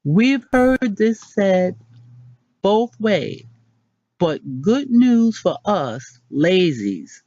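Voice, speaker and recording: A woman hosting a casual pronunciation lesson, chatty and self-deprecating, repeating words slowly. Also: medium pitch, sing-song, dark tone, no room sound, highs cut off. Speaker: channel host.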